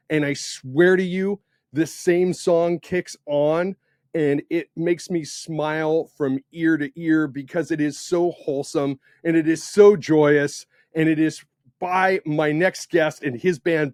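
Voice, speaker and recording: An enthusiastic man hosts a casual podcast interview, voice a touch high for a man. His delivery swings from loud bursts to quieter asides. The sound is close and dry, with no room echo. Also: unhurried. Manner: enthusiastic, animated with swings in loudness. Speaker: podcast host.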